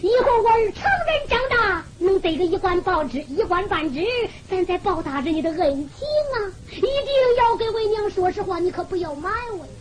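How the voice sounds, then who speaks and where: A woman's voice: very high-pitched, animated, normal speed, few pauses. A woman voicing a poor, blind, elderly mother who frets and weeps, speaking with a Henan accent in a sobbing, sing-song storytelling manner. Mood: pleading.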